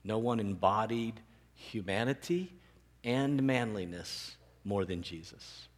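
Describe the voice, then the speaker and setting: A male pastor preaching a sermon, animated and rising to emphatic peaks. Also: lowish voice, takes it slowly. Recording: long reverb of a large hall.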